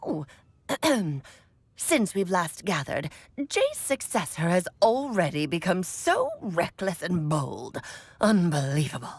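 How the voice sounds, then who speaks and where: A flamboyant adult witch, lilting and animated, game music faint underneath. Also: fairly low pitch, slow pace, husky, dry recording, exaggerated voice. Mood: grandly playful. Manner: theatrical, coy. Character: grand, playful adult witch, theatrical storyteller.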